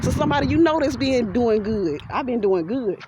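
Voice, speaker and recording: A woman vlogger with a Southern US accent vents animatedly to her followers while walking outdoors by a pond, laughing often and addressing viewers directly. Her voice is on the high side and a little fast, with a noisy background.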